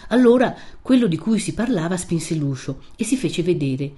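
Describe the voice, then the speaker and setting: Mellow woman reading a classic novel. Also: on the low side. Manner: measured, expressive reading. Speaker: audiobook narrator. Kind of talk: literary audiobook reading.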